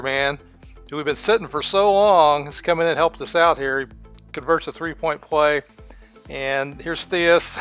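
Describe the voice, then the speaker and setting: A man giving casual, excited play-by-play commentary on a basketball video game, laughing often and sometimes losing track of the score. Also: a little high, clean tone. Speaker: gaming commentator.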